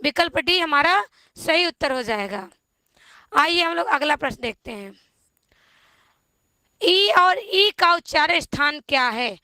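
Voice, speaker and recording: A woman teacher with a very high, bright voice works through exam questions at an unhurried pace. She repeats each option and keeps asking viewers for the answer. The sound is close and dry. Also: animated, no echo. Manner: slow, repetitive quizzing of viewers. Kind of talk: exam-prep lesson on Hindi grammar.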